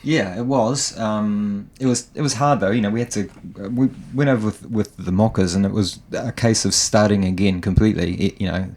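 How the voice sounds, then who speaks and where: A man's voice: on the low side, moderate pace, hardly any pauses. A middle-aged man with a New Zealand accent, chatting casually as a guest guitarist, laughing easily and restarting his sentences. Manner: relaxed, self-deprecating, laughs often, many restarts. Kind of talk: casual interview chat.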